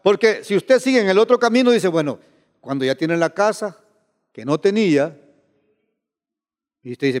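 A man preaching a sermon in an animated way, often repeating words and asking the listeners rhetorical questions. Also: on the high side, long reverb tail.

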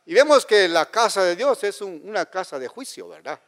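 A man's voice: high-pitched, lively intonation, a bit bright. A man preaching a sermon, often tagging his lines with a questioning "right?" and restarting his phrases. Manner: frequent "¿verdad?" tag questions, halting restarts. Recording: long reverb of a hall.

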